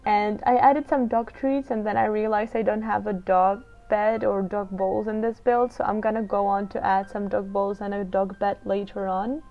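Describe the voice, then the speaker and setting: Narrating her game build in a casual, unscripted way, a video creator from the Czech Republic explains her choices as she goes, speaking with a Czech accent. Her medium-pitched voice is flat, at a normal speed with few pauses. Music plays behind a dull, lo-fi voiceover.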